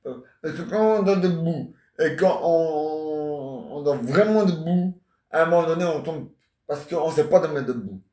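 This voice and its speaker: A man's voice: a little high, expressive, normal speed, darkish tone, recorded from a distance. Joking French man in an echoey room. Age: 40s. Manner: joking, playful, teasing banter. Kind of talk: rambling casual chat.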